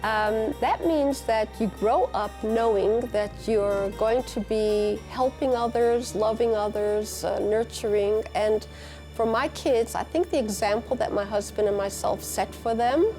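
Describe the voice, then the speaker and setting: An older woman talking about her life in an interview, reflective and unhurried. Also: medium pitch, warm tone, soft background music. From United States. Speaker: teacher and community leader.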